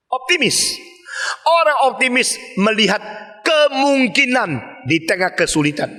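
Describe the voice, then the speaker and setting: Older male preacher, bright and emphatic. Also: in a large hall. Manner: emphatic, dramatic pitch swings, rhetorical asides. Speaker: pastor. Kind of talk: sermon.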